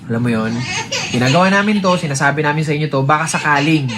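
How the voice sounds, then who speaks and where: A man's voice: fairly high pitch, expressive, fast, background noise. A man sitting beside his partner, giving earnest relationship advice in a casual heart-to-heart chat, mixing English phrases into his talk and repeating himself. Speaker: vlogger talking with his partner.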